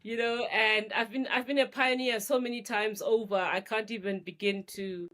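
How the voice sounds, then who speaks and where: Lively, laughing woman author. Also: fairly high pitch, normal speed. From Zimbabwe. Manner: animated, laughs often, repeats words while thinking. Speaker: author guest. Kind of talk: casual interview conversation.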